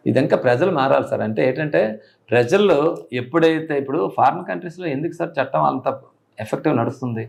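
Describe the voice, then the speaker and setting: A middle-aged man, a police officer, talking earnestly in an interview and rising high in pitch when he stresses a point. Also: expressive, fast talker, creaky, a little mellow. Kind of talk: casual interview talk.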